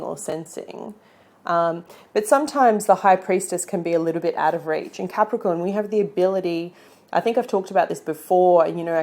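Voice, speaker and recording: A woman's voice: lowish voice, darkish tone. A woman with an Australian accent giving a casual, chatty tarot reading to camera and encouraging her viewers. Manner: chatty, encouraging, often checks in with "okay?" and "right?". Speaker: tarot reader.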